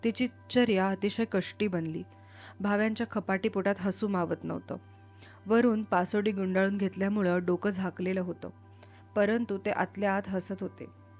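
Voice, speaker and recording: A woman reading a literary novel aloud, narrating in a measured, steady way. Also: mid-range voice. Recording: dull lo-fi with faint music.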